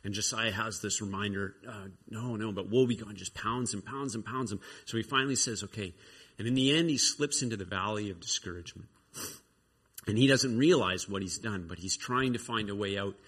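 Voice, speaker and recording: A male preacher retelling a story in a sermon, animated, with frequent restarts. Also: on the low side, slightly rough.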